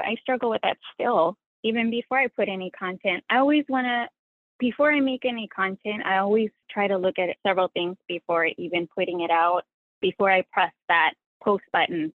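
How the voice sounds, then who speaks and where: A woman with a medium-pitched voice speaks over a tinny, dry phone line with no room sound. A sewing content creator whose first language is Spanish, she's a guest in an interview, speaking earnestly, reflectively, and with self-criticism.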